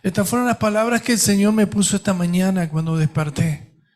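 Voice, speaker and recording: A middle-aged man with an Argentine Spanish accent, preaching a sermon as pastor with emphatic delivery and dramatic pauses. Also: high-pitched, a little mellow.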